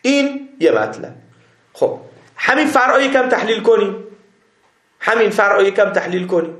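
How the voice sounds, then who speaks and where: A man teaching a seminary class, reading Arabic text slowly and explaining it step by step, often checking that his students follow. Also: high voice, animated, a bit bright, echoey room. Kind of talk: classroom lecture on Islamic jurisprudence.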